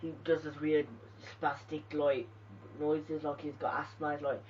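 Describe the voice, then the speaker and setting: A home reviewer rambles through a casual spoken recap, filling gaps with "like" and "you know". The voice stays flat and even. It sounds distant and muffled, caught on a cheap lo-fi mic. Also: medium pitch, measured pace, slight background noise. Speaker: wrestling show reviewer.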